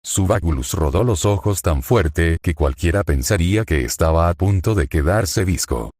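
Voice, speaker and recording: A man's voice: deep voice, lively intonation, moderate pace, a little mellow, breathy edge, no room sound, studio quality. A man narrating a fan fiction story in scripted, sardonic storytelling.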